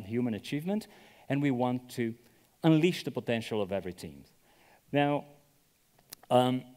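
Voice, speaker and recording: Speaking in an echoey conference hall, a man from Brazil keeps his presentation conversational and often checks in with "right?". His voice is medium-pitched and mellow.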